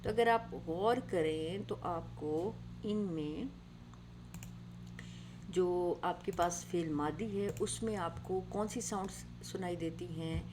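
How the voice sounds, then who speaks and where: A woman with a somewhat low voice teaches grammar, explaining step by step and often checking in with her listeners. She mixes English words into her talk. A steady hiss sits clearly behind her voice. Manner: explains patiently, mixing English words, asks "right?" often. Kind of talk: online grammar lesson.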